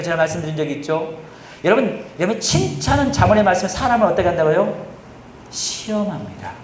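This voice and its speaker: Korean pastor preaching in an echoey hall. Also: male voice, high-pitched, a little hiss or hum. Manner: asks the congregation questions and answers them himself; shifts often between loud and quiet delivery. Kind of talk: sermon. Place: church sanctuary. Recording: echoey church hall recording.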